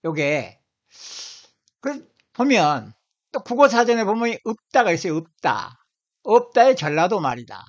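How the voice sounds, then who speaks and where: A lecturer from Seoul, South Korea, gives an informal video talk on language origins, speaking emphatically and often repeating and stretching single words. His high voice swings widely in pitch, moves a little slowly, and pauses often, on dull lo-fi audio.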